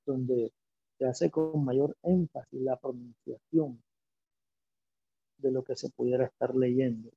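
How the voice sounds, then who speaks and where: A man teaching a lecture, speaking slowly and deliberately and asking himself rhetorical questions as he explains. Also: mid-range voice, fairly even intonation, vocal fry, husky, no echo. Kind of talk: lecture on biblical poetry. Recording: dull lo-fi recording.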